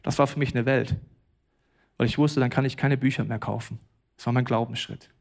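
A man preaching a sermon, swinging from quiet to loud and emphatic. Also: mid-range voice, fairly even intonation, fairly quick, creaky. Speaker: pastor.

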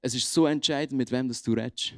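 A young man preaching a youth sermon in a lively, colloquial way. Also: mid-range voice, fast, no echo, studio quality. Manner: lively, colloquial, animated acting out of quotes.

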